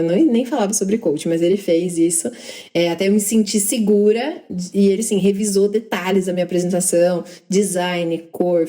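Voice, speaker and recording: A young Brazilian woman co-hosting a podcast, telling work stories in a lively, self-deprecating way with quick asides. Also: lowish voice. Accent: Brazilian Portuguese. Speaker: podcast co-host. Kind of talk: casual storytelling chat.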